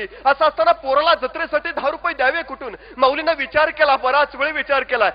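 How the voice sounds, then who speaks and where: Impassioned high-voiced male orator. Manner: rousing, rhetorical questions. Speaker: public speaker. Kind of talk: impassioned public speech with storytelling. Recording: dull lo-fi recording.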